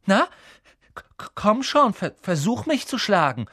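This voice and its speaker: A nervous schoolboy from a storybook, as a male reader voices him, stammering over his words but stubborn. His voice sits high and lively, close and dry. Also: normal speed, no room sound, exaggerated voice.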